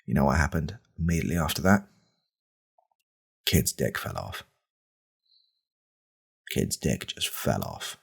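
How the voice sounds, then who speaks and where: A man voices a self-important, creepy right-wing podcaster for a parody sketch, his gravelly, husky delivery deadpan and halting. The voice rumbles low and is heavily acted, with a mood of grave outrage.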